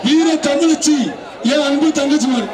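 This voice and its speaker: A man with a Tamil Nadu accent giving excited live bull-taming commentary over a loudspeaker, with urgent, repetitive chanting calls and commands. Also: very high-pitched, normal speed. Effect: amplified through a public-address loudspeaker. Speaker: jallikattu bull-taming event announcer. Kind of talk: excited live arena commentary, calling out bulls and prizes. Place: outdoor bull-taming arena. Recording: echoey outdoor loudspeaker, distant, crowd noise. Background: crowd.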